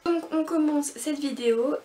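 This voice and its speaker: A woman's voice: sits high, moderate pace, dark tone, faint music behind. A young woman chatting casually through a book haul vlog, rambling with lots of fillers. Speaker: book vlogger. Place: bedroom with bookshelf and mirror. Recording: echoey room, from far off the mic.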